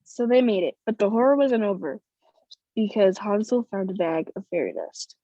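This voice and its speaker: Woman as a mellow, wry storyteller. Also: medium pitch, moderate pace, no echo, highs cut off, close to an everyday voice. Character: wry, mellow narrator of a comic fairy tale. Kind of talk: comic scripted stage narration.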